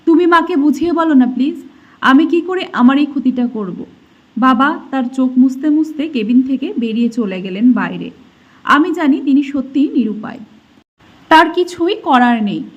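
A woman narrating a dramatic first-person story with emotion. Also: high voice. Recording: dull lo-fi recording.

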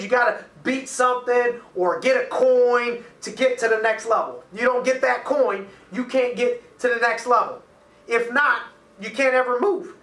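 A man's voice: extremely high pitch, sharp tone, distant mic. A man in his thirties, a motivational coach and host, speaking to camera with emphatic energy and busy hand gestures in a small office. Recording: echoey room, voice a little off-mic.

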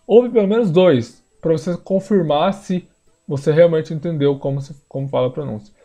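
Man teaching pronunciation, mellow voice. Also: on the high side, lo-fi sound, faint music behind. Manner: explanatory, repeats words slowly for learners. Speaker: language teacher. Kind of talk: screen-share pronunciation lesson.

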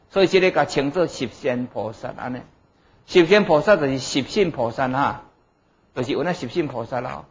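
Higher-pitched Taiwanese Hokkien monk, lecturing. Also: male voice. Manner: didactic, punctuated with checking questions and interjections. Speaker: Buddhist monk and teacher. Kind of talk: Dharma lecture. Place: indoor lecture room at a desk before a blackboard. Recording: dull lo-fi lecture recording.

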